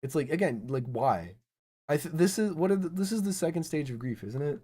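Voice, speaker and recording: A man's voice: on the high side, animated, brisk, dark tone, husky. Incredulous young man ranting in reaction commentary. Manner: incredulous, ranting, stumbling restarts. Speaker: online video host.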